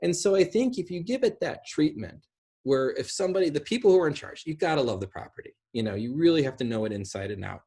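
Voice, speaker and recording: Speaking fast in a warm, husky voice that's a little high, this animated middle-aged guest rambles casually through his ideas. He's on a video call from a room at home, picked up by the video call microphone.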